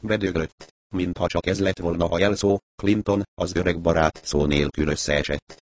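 Deep-voiced male audiobook narrator. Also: level tone. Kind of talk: scripted narration.

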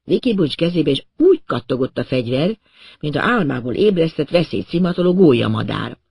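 A man narrating an audiobook in the first person with a steady, storytelling delivery. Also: a little high, creaky, slightly rough, dry recording.

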